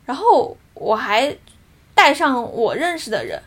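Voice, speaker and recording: A woman's voice: high-pitched, huge pitch swings, measured pace. A woman in her thirties on a casual podcast, telling a personal story in an earnest, reflective way. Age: 30s. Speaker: podcast co-host.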